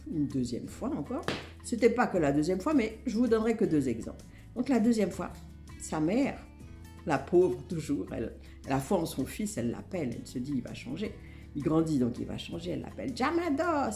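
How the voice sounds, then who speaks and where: Deep gravelly lady telling a bedtime story, chatty, soft music under. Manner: lively, conversational asides. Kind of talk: bedtime folktale narration.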